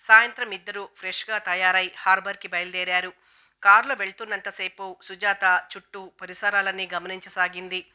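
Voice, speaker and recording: A woman narrating a novel aloud in a steady, even storytelling manner. Her voice is very bright and crisp. She keeps her pitch flat and level from line to line. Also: moderate pace.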